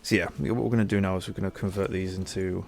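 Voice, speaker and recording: A young man with a cold-stuffed nose plays a game and thinks aloud in casual commentary for his gaming channel. His low, gravelly voice holds a steady tone at a quick pace, and his manner is easygoing.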